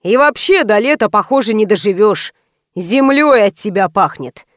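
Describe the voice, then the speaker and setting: A woman's voice: mid-range voice, animated, moderate pace, no echo, studio quality, natural voice. A woman voicing an eccentric elderly father who bluntly predicts people's fates. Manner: blunt, matter-of-fact.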